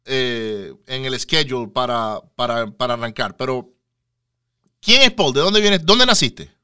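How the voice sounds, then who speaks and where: A man hosting a Spanish-language podcast interview, casual and halting, with lots of fillers and repeated words. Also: medium pitch, animated, pushed and bright, clear, resonant tone, no echo, studio quality. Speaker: podcast host. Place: lives near Houston, Texas.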